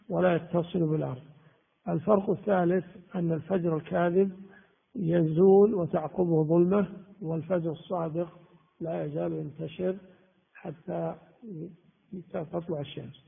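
A man teaching a religious lesson, explaining texts and grammar slowly and repeating key words. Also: high-pitched, vocal fry, slightly rough. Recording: tinny phone-like sound in a reverberant hall.

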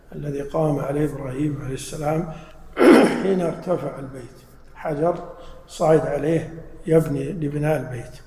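This religious teacher's mellow voice sits on the high side as he gives an explanatory lesson in a roomy, long-reverb hall with a bit of hiss or hum. He repeatedly asks his listeners questions, then answers them on his own.

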